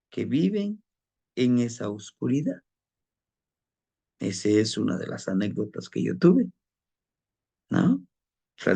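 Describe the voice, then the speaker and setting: A man recounts a personal story in a loose, chatty way. His voice is gravelly and husky, with a dark, mellow tone, and he keeps checking in with the listener and stumbling over repeated words. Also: mid-range voice. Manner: conversational, frequent tag questions, repeats words while searching. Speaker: storyteller of spirit lore. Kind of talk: casual personal anecdote.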